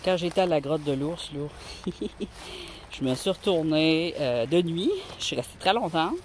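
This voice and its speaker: A woman's voice: deep voice, lively intonation, moderate pace. Québécois woman vlogger, rambling and friendly, phone in hand, light wind-like ambience. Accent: Québécois French. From Quebec. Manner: chatty and rambling, talks to viewers. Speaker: rock-hunting vlogger. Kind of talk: casual outdoor vlog narration. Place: outdoors on a mountain. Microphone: handheld phone camera.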